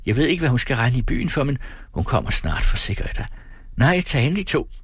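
A man's voice: medium pitch, big pitch swings, breathy edge, dry recording, studio quality, pitched above the performer's own voice. A man voicing a fussy, anxious middle-aged man who fawns over his sister and stammers when flustered.

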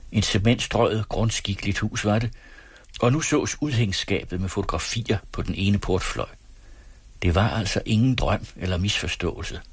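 A man hosting a radio program, reading a novel aloud in calm, measured narration. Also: on the low side, breathy edge, no echo. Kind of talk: literary read-aloud narration. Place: radio studio.

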